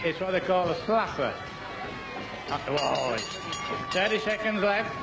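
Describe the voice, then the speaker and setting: Commentating live on an outdoor game show in a park, this Yorkshire-accented man keeps up a cheeky, chuckling banter. He has a high, animated, slightly creaky voice and talks a little slowly. Crowd and background noise fill the outdoor recording.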